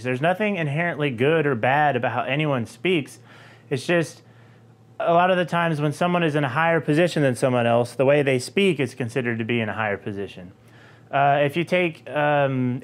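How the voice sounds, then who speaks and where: A young man with a faint, softened Southern lilt talks through a linguistics idea in a loose, conversational manner. He pauses on little ums and uhs as he thinks, keeping the pitch in an ordinary middle range. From Georgia, US. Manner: relaxed, conversational, frequent filler ums. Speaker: linguistics video host. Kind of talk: explanatory talk to camera.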